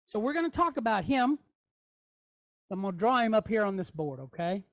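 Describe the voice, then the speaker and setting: A woman teaching a Hebrew letter at a board in a folksy, animated way, checking in with "okay?" again and again. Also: mid-range voice, a little fast, dry recording. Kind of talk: classroom lesson at a board.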